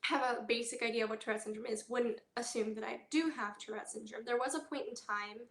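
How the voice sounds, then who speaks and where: A woman talking candidly in a personal health vlog, halting often with fillers and pauses. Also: a little high, fairly even intonation, roomy sound. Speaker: vlogger.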